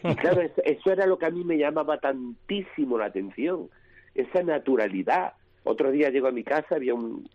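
A man's voice: medium pitch, no room sound, dull audio. Andalusian man telling stories on the radio. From Cádiz province, Spain. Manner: lively anecdotes, mimics his mother's voice. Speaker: comedian guest. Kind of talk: animated storytelling in a radio interview.

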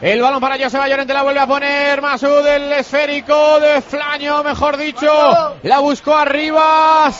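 A man's voice: very high voice, monotone, fairly bright tone. A man giving live football play-by-play on radio, calling each pass in turn. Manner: rapid running call of each pass. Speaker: play-by-play commentator. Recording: dull lo-fi broadcast audio.

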